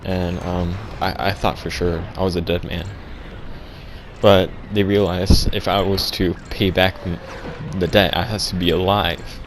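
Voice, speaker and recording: A young man telling an absurd comic story deadpan, rambling and halting with lots of restarts. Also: sits low, a little hiss or hum. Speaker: vlogger.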